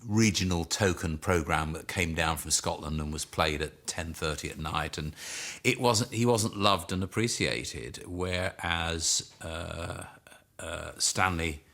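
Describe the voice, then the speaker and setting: A man's voice: deep voice, slow pace, vocal fry, fairly bright tone. A man interviewed for a documentary, emphatic, with many fillers. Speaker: commentator.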